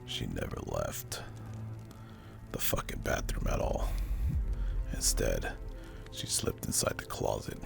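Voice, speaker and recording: A man with a rock-bottom, breathy voice tells a horror story in a hushed ASMR whisper. His delivery is slow, deliberate and spooky, thick with gravelly fry. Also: extremely low pitch, fairly even intonation. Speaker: narrator. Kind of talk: whispered ASMR horror storytelling, scripted first-person narration. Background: music.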